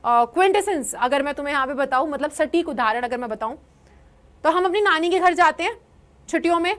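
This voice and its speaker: A young Indian woman teaching English vocabulary in a lively online lesson, explaining in Hindi and reading English examples slowly. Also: sits high.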